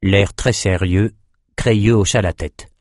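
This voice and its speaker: Low-voiced male audiobook narrator. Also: steady tone, slow pace, darkish tone, no room sound, studio quality. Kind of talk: scripted fantasy narration.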